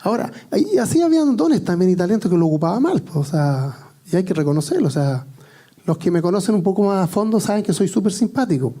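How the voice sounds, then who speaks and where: A man's voice: high-pitched, sing-song, quick pace, mellow. A man with a Chilean accent preaching a sermon, telling personal stories in a joking, conversational way.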